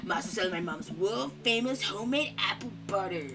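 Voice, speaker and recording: A young hustler pitching band merch in a slick sales patter, as a woman puts him on. The voice sits at a plain middle pitch and sounds a little distant from the mic, with game music behind it. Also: expressive, a little fast, lightly acted. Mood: salesy.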